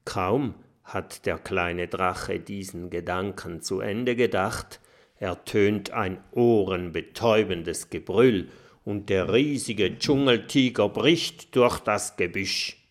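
A man narrating a children's story with expressive, unhurried storytelling. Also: low-pitched. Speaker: audiobook narrator.

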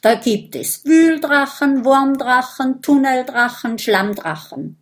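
A woman's voice: high voice, takes it slowly, pitched above the performer's own voice. A woman voicing a matter-of-fact young girl in an audiobook. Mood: knowing. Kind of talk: audiobook character voice.

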